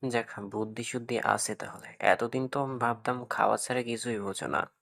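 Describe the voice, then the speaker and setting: A man playing a gravelly, teasing boyfriend. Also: mid-range voice, fairly even intonation, normal speed, a bit bright, dry recording, clean studio sound. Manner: joking, teasing. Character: teasing young boyfriend, playful joker.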